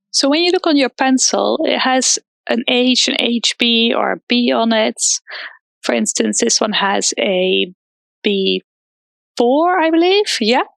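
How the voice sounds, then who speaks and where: In a hairdresser's salon doubling as a makeshift studio, a young woman from the Netherlands teaches the fundamentals of drawing one step at a time, with some fillers. She speaks with a fairly high, creaky voice, and the sound is dry.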